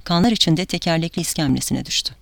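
A woman narrating an audiobook with a dramatic, measured delivery. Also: on the low side, vocal fry, dry recording, studio quality.

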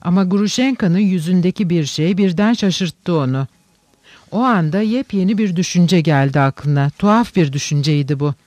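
A man narrating a novel in a steady, even storytelling manner. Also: high-pitched, moderate pace, no echo. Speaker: audiobook narrator. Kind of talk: scripted literary narration.

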